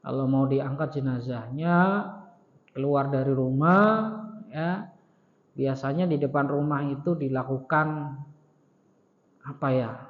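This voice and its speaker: Conversational male Islamic teacher in mosque hall. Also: fairly high pitch. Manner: conversational, addresses the audience with questions and frequent "ya". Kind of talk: religious study lecture. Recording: reverberant mosque hall, dull sound.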